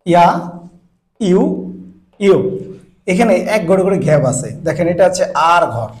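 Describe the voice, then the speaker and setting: A male language teacher with a Bangladeshi Bengali accent, giving a slow, patient lesson and drilling syllables one by one. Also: high-pitched, sing-song, darkish tone. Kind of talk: slow classroom-style lesson, reciting syllables. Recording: echoey room sound.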